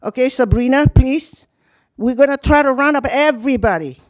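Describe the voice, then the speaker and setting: Animated older woman, talkative, dry sound. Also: high-pitched, moderate pace, no echo. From Hong Kong, grew up in Indonesia. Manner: animated, talkative, frequent laughs. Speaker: nonprofit youth program leader. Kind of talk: speaking at a public city meeting.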